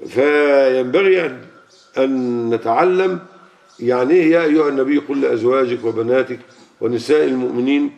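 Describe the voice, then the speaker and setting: A man's voice: medium pitch, brisk, creaky, darkish tone. A man with an Egyptian Arabic accent preaching a sermon to a gathering, talking colloquially and often asking the audience questions. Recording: lo-fi muffled recording.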